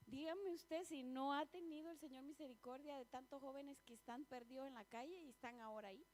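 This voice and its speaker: A woman preaches in a church, in a high voice. She talks in a chatty, personal way and keeps asking the congregation questions. A faint hum sits under the recording. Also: a little fast. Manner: laughs often between points. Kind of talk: sermon.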